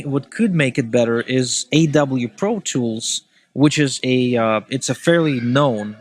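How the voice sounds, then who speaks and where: Opinionated man with quick bursts. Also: mid-range voice. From Ukraine. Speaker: podcast guest, email marketer. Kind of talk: casual podcast conversation.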